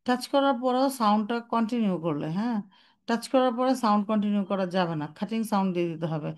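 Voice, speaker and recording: A young woman gives a tajweed lesson at a middle pitch, talking patiently through each point. She poses questions to her students and answers them herself, with English words scattered through her explanations. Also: fast. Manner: explains step by step, demonstrates sounds, asks and answers her own questions; mixes English terms into her speech. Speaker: Quran recitation teacher.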